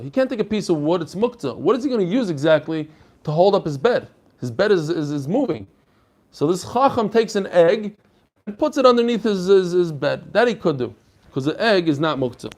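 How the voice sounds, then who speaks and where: Guy, rabbi explaining a text casually, lots of rhetorical questions. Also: high voice. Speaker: rabbi teaching a daily Talmud class. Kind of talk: informal religious lesson, explaining a text aloud.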